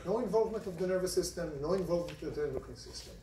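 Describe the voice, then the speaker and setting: A warm, high-sitting male voice with lively intonation moves very fast through a university lecture. The man has an Israeli accent, chats with his large class, and poses frequent questions to them. The phone recording from the audience seats carries a little hiss or hum and the distant, roomy sound of a lecture hall.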